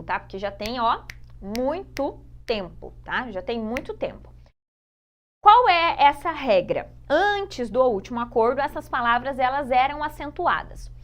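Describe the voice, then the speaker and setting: The recording is muffled, captured on a phone, as a Brazilian woman teaches Portuguese grammar for an exam. Her voice is high-pitched and animated, and she patiently goes over key points again while drawing out example words slowly.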